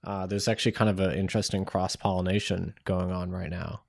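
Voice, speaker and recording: A man hosting an interview podcast, talking in a relaxed, halting way with many fillers. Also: low voice, vocal fry, no echo, studio quality. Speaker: podcast host.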